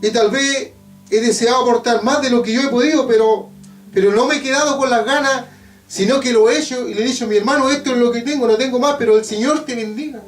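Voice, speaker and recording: A man from Chile with a Chilean Spanish accent, preaching an evangelical sermon and telling a testimony with emphatic, drawn-out phrases and repeated refrains. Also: extremely high pitch. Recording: echoey church hall from a distance with faint guitar. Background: faint guitar playing.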